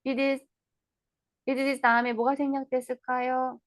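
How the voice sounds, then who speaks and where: A woman tutor giving an online lecture on an English play, reading lines slowly and explaining them in Korean, with questions to the viewers. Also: high voice, flat delivery, no room sound.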